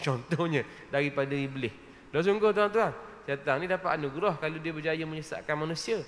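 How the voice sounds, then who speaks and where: A man with a somewhat high-pitched voice delivers a mosque lecture. His delivery is conversational, and he keeps checking in with his audience. The sound carries the long reverb of a mosque hall. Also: fairly quick. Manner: conversational preaching, frequent "ha?" checks with listeners. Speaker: religious lecturer.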